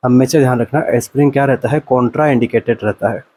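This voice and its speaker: Reading the English answer choices slowly, a male coach for nursing exams explains multiple-choice questions by asking rhetorical questions and then answering them. His voice is medium-pitched and a little mellow.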